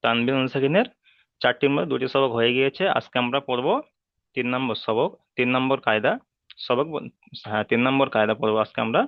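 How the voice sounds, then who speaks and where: Over an online lesson, a male teacher explains the rules for reciting the Quran, repeating himself patiently and posing questions to test his listeners. Demonstrations come with slowly elongated Arabic sounds, and his medium-pitched voice sounds tinny, like a phone, with no echo.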